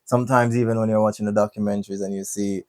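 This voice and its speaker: Male interviewer, halting questions, low pitch, dry close sound. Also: level tone, a little mellow, no echo. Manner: halting, searching for words when asking questions.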